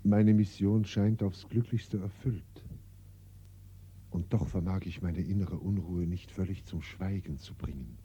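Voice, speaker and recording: An actor playing a brooding older brother in a measured, reflective inner monologue, 1940s radio acting on a dull, humming old recording. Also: male voice, low voice, steady tone, mellow, slight background noise. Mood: uneasy.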